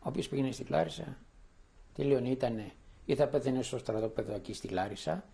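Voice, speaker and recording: A man's voice: medium pitch, lively intonation, gravelly, mellow. An older man from Thessaloniki giving spoken testimony, telling his memories as a vivid storyteller who acts out the voices of the people he quotes. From Thessaloniki, Greece.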